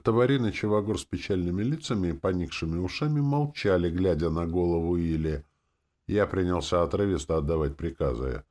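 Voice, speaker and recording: Deep, expressive male audiobook narrator. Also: fairly quick. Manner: forceful, expressive delivery with coarse language.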